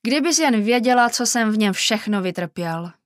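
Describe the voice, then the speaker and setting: A woman's voice: on the high side, animated, no room sound, studio quality, close to an everyday voice. A woman voicing a curious, eager young boy in a storybook reading, raising her voice to sound childlike. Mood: reassuring.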